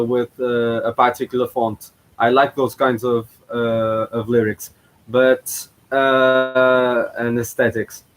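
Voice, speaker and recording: A medium-pitched male voice, recorded with poor audio, belongs to a channel host reacting to a past contest. His commentary is casual and hesitant, marked by frequent fillers and restarts.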